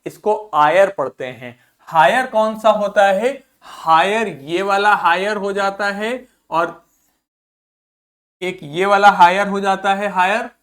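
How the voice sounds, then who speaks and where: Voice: mid-range voice, a bit bright. A teacher giving a recorded vocabulary lesson who asks the students questions and answers them, repeats each word, and spells words out letter by letter. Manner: explains in Hindi, mixing in English words and read-out English phrases.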